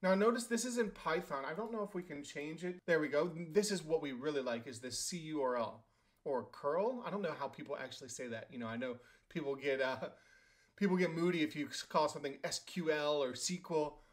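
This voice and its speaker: A tech tutorial host narrates a screen-recorded software setup in a casual way, thinking aloud with fillers, quick restarts, and self-corrections. His male voice sits slightly high, with lively intonation.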